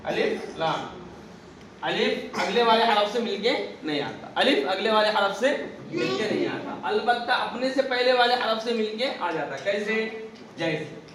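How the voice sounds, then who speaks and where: A religious teacher leads a class on Arabic letters, posing questions and then repeating the answers himself. His high voice is expressive at a moderate pace. The recording, made with a distant mic in an echoey room, has background noise.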